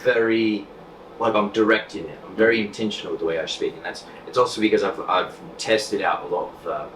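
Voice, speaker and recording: A man who creates content and performs magic appears as a guest on a casual podcast, speaking directly and projecting from the diaphragm. His lowish voice is steady, fairly quick, and a bit bright, recorded with a distant mic in an echoey room with faint noise.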